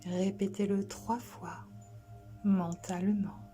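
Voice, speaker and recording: Gentle and soothing, a woman leads a sleep relaxation as a yoga instructor, speaking softly and breathily, frequently near a whisper and with long pauses. Her medium-pitched voice stays level, with soft music in the background.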